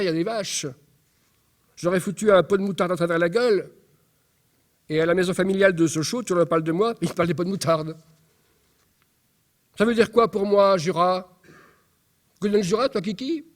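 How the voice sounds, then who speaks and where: A man's voice: high-pitched, voice pushed up, lightly acted. A man reading a stage monologue as an angry, distraught young mother who fires off outraged questions. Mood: outraged, agitated. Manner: raw, outraged, rapid-fire questions.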